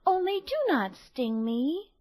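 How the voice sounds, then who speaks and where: A woman playing a storybook little girl, high voice, lively lilting delivery, dry recording. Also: slow pace, full character voice. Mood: sweet. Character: sweet, kind little girl heroine.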